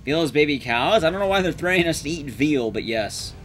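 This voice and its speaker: A streamer and speedrunner in his thirties gives casual, joking live game commentary from a small room at home, chatting with viewers and swearing mildly. His fairly high, fairly bright voice is lively and brisk over soft background music.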